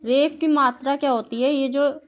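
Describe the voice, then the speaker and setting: A woman's voice: high-pitched, fairly even intonation, normal speed, muffled recording. A woman tutoring a young child at home, patiently asking questions and repeating the answers. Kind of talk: home tutoring, Hindi lesson.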